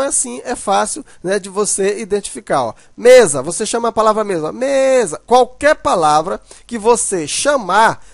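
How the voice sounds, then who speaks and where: Man, high voice, patient lesson explaining, repeats "né", dry. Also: no room sound. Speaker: teacher. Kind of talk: recorded grammar lesson.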